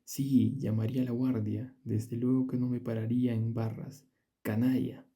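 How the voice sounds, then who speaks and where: A man's voice: mid-range voice, flat delivery, a little slow, vocal fry, dark tone, breathy edge. A man voicing a fickle, dramatic young woman. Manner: wheedling, theatrical complaints.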